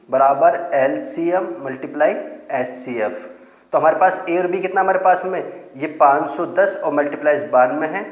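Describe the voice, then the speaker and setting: A male math teacher works through a problem step by step, asking questions and then answering them himself. His voice sits fairly high for a man. The recording carries a noticeable room echo. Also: lo-fi sound. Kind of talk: classroom lesson explanation.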